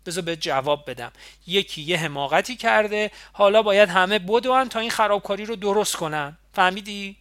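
A man's voice: sits high, dry recording, clean studio sound, voice pushed up. A man voicing a cool, sardonic young man. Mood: mocking. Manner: cool and reproachful, building to sharp lecturing. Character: calm, sardonic young man, scolding comrade.

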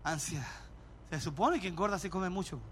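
A man preaching as a pastor in an emphatic sermon, often shouting and acting out little scenes. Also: sits high, a little fast, noisy background.

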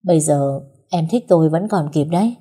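A woman reading the lines of a caring young husband in a quiet, matter-of-fact way. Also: low voice, animated, moderate pace, husky. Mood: teasing.

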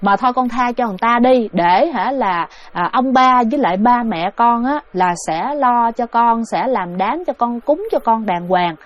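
A woman voicing an elderly male relative who slowly coaxes a spirit to let go. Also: fairly high pitch, animated, natural voice. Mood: coaxing. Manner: slow, gently persuasive. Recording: dull, dry recording.

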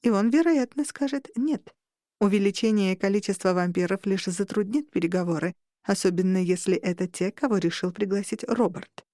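A woman narrates an audiobook in an even, expressive reading voice. Her pitch sits in the middle, and the recording is dry and close. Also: fairly quick, no echo.

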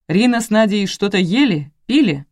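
A woman's voice: mid-range voice, animated, normal speed, a little mellow, no room sound, clean studio sound, voice pushed up, close to an everyday voice. A woman voicing a wry, blunt male investigator. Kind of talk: audiobook character reading.

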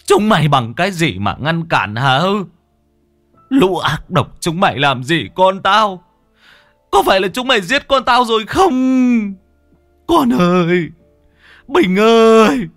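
A man voicing a grief-stricken old village father who sobs and shouts his pleas in a story reading. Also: high-pitched, very animated, takes it slowly, no echo, soft background music, voice pushed up, exaggerated voice. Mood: furious desperate.

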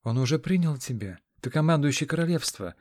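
A man voicing a loving young queen, soft and pleading, in an audiobook. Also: fairly high pitch, lively intonation, a little fast, voice pushed up, natural voice. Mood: tender.

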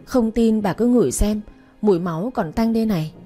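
A woman's voice: medium pitch, brisk, warm tone, faint music behind, lightly acted. A woman voicing a brash, loyal young servant girl who talks back smugly in an audio story. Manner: smug, brash.

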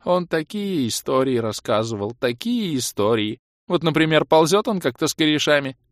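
A man's voice: a little high, lively intonation, no echo, clean studio sound, voice pushed up, close to an everyday voice. A man voicing a tearful bald male elf who sighs and drags out his words. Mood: mournful. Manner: sighing, drawn-out, off-key singing.

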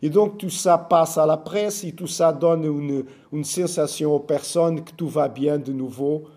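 Slow, halting man with a Portuguese accent. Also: on the high side, dark tone. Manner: foreign accent in French, halting delivery with searching for words and repeats. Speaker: speaker giving a political overview. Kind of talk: informal public talk.

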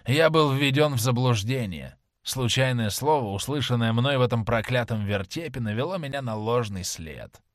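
A grim, vengeful sailor, voiced by a male reader speaks slowly and heavily, each word a threat. His pitch swings widely between low growls and sharp rises. The audiobook sound is dry and close. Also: expressive, no echo, natural voice. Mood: contrite. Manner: slow, heavy, menacing delivery. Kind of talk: audiobook character reading.

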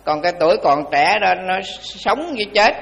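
A man's voice: sits high, sing-song, moderate pace, vocal fry, fairly bright tone, big-room sound. An older male Buddhist monk giving a dharma talk in a colloquial, repetitive, folksy way.

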